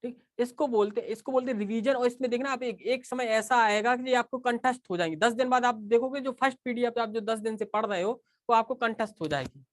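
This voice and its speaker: A man's voice: extremely high pitch, a little fast, few pauses. Male teacher, casual live class, conversational, keeps checking in with students. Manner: chatty, repeats "okay" often and speaks straight to students.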